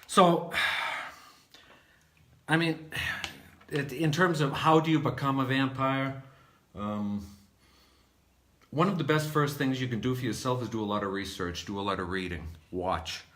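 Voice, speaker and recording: A man from New England giving a slow, deliberate spiritual monologue to his viewers, moving between lively and hushed passages. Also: medium pitch. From New England, United States. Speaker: vlogger.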